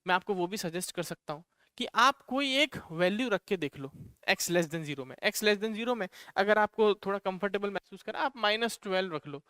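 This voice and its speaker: A fairly high, bright and crisp male voice with an Indian accent, working through a maths problem step by step for students. He talks them through each line, slipping English terms into his explanations. The sound is close and dry, with no room around it. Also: normal speed, no room sound. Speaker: maths teacher. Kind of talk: online exam-prep lecture.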